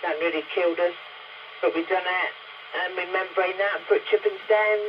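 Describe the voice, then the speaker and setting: Over a dull, very noisy CB radio link, a woman chats in a plain, colloquial way as a radio operator. Her voice is fairly low, with fairly even intonation and a moderate pace.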